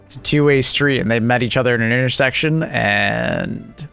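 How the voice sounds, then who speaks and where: A man's voice: mid-range voice, moderate pace, creaky, fairly bright tone, clear, resonant tone, soft background music. A man live streaming, chatting casually with his viewers and reacting to their messages with joking, rambling asides.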